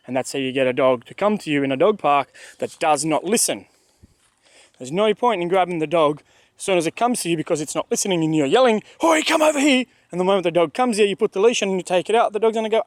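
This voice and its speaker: A man's voice: fairly high pitch, darkish tone, no echo. A man giving casual, emphatic dog training advice, repeating his points and acting out what the dog thinks. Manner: emphatic, repeats points, acts out the dog's thoughts. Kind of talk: casual instructional talk. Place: outdoors at a dog park.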